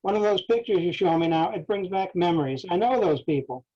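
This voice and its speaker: A halting elderly man talks in broken English, his words slow and plain, as a man reads him aloud. The voice is mellow and sits a bit high. The recording sounds dull and lo-fi. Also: animated. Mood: eager.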